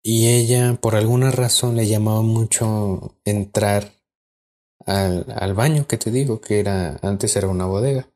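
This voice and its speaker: A man's voice: on the low side, fairly even intonation, measured pace, darkish tone. A man with a Mexican accent, telling a spooky personal story in casual, rambling podcast chat with lots of fillers. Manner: rambling with many fillers and restarts. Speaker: podcast co-host.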